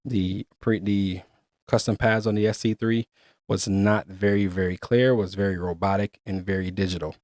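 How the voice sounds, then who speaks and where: A man's voice: sits low, fairly even intonation, moderate pace, darkish tone, no echo, studio quality. A man hosting a casual product review, chatty and explaining features step by step. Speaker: gear reviewer and host.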